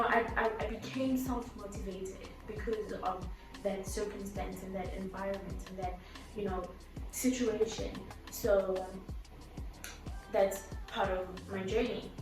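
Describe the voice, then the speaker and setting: Chatty young woman in an echoey room. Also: medium pitch. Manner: chatty, rambling, many fillers and restarts. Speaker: vlogger. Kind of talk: casual storytelling vlog. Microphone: laptop or phone camera mic. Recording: echoey room, voice from a distance, music playing.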